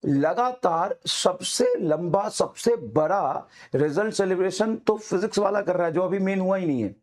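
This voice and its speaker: Middle-aged male teacher with a high voice; intense, repetitive exhorting speech to students. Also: lively intonation, measured pace, a little mellow. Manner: fiery, exhorting, repetitive urging. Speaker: coaching teacher.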